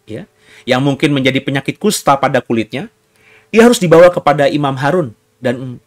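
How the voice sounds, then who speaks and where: A man pastor preaching a sermon, reading scripture aloud and acting out the cries of the people in it. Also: medium pitch. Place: church hall.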